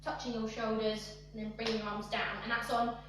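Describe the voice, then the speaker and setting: A woman's voice: a little high, level tone, fairly quick, far from the mic, background noise. A young woman leading a live online dance workshop, talking through the moves and counting and singing along to the music. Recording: echoey room, voice away from the mic.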